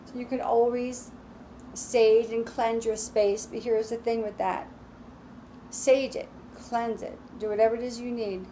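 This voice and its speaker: A woman reading tarot cards alone, talking in a slow, soothing, reassuring way. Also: fairly high pitch, dark tone, a little hiss or hum, rough recording. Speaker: tarot reader. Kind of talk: relaxed solo tarot reading.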